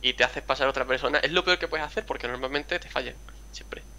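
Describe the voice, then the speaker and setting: A man's voice: medium pitch, fast talker, sharp tone. A man chatting casually, telling a long anecdote full of fillers and little laughs. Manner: rambling, laughing storyteller with fillers. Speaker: guest, clan leader. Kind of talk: casual chat.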